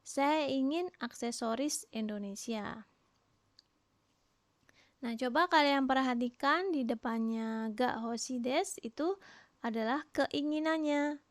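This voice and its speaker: Slow high-voiced woman teaching a lesson. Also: dry recording. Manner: explains slowly, models phrases with rising question intonation. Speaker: Japanese language teacher. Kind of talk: recorded online lesson.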